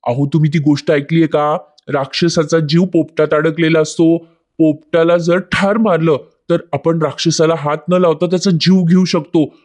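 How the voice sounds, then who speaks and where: Sharp-tongued schemer, pushy and insistent, voiced by a woman narrator. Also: deep voice, steady tone, normal speed, close to an everyday voice. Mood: scheming.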